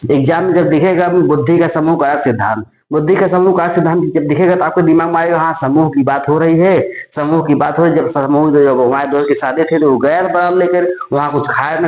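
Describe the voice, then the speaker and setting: A man's voice: fairly high pitch, darkish tone, reverberant, poor audio. A man teaching memory tricks for a psychology exam, repeating himself and asking and answering his own questions. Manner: repetitive, addresses viewers as friends, asks and answers his own questions.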